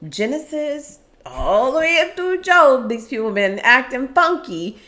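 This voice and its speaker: A woman co-hosting a podcast, chatting in a lively, slangy way. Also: high-pitched, measured pace. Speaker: podcast co-host. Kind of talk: casual chat.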